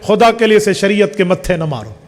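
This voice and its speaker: A man's voice: high-pitched, big pitch swings, a little fast. A man delivers religious answers with emphasis. He piles up rhetorical questions and counts off his points in turn. His voice rings out with a long reverb, as if from a large hall. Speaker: Islamic scholar answering questions.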